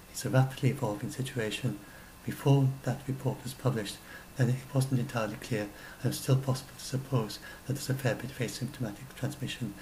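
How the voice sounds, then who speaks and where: A science blogger in his sixties rambles through his notes alone at his home desk, correcting himself as he goes, captured by a webcam in a small room. His voice is medium-pitched and a little mellow. The audio is poor, with slight background noise.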